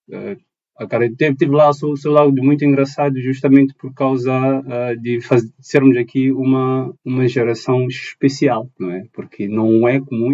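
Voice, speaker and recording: A young man from Mozambique, appearing as a podcast guest, gives thoughtful, conversational interview answers, often restarting as he searches for words. His voice sits in the mid-range with a dark tone, and the sound is lo-fi.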